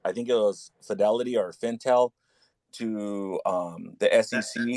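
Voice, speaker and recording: A man on a casual group voice call, passing along what he has heard in a relaxed, matter-of-fact way. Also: lowish voice, unhurried, dry recording.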